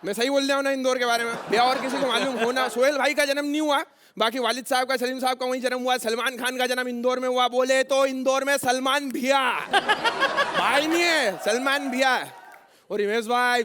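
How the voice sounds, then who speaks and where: A man playing a boastful Indori wrestler goon in a stage comedy sketch, loud and swaggering, with an Indori Hindi accent. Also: extremely high pitch, fairly even intonation, fairly quick, slight background noise.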